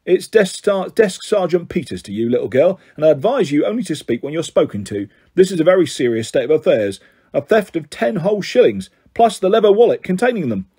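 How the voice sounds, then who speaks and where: A man doing a loud pompous desk sergeant. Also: a little high, very animated, brisk, slightly rough. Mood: stern. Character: gruff bullying middle-aged male desk sergeant.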